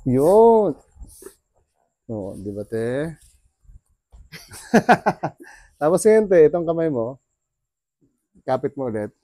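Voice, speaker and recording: A man's voice: on the high side, sing-song, extremely slow, pauses often, dark tone, no room sound. Soothing, coaxing Filipino man. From Philippines. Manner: soothing, coaxing, with frequent laughs. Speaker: bone setter. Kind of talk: coaching a client through a treatment.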